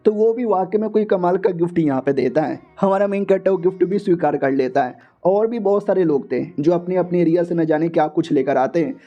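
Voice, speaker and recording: A man's voice: high-pitched, fairly quick, hardly any pauses, lo-fi sound, soft background music. Chatty young male story recapper. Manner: chatty, slangy, mixes in English words. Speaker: manhua recap narrator. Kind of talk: casual story recap narration.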